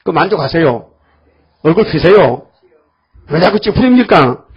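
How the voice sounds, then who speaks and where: A man's voice: a little high, animated, a little slow, husky. An older man preaching a folksy sermon, scolding his congregation and acting out voices of biblical figures. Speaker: pastor. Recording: dull lo-fi church recording.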